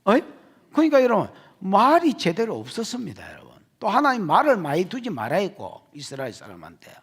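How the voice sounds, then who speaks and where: A man preaching with a strong Gyeongsang accent, his voice sitting very high and swinging widely up and down. He teases the congregation with jokes, then drives his points home with shouted emphasis. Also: a little fast, slightly rough. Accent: Gyeongsang Korean. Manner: animated, jokey, shouts for emphasis. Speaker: pastor. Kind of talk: expository sermon.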